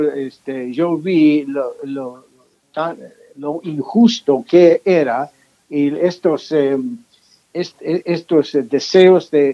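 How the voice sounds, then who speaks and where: A man with a slightly higher voice speaks in an interview, stopping often on fillers and restarting his phrases. The sound is dull and lo-fi. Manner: hesitant, many fillers and restarts. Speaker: author and pastor guest. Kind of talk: interview conversation.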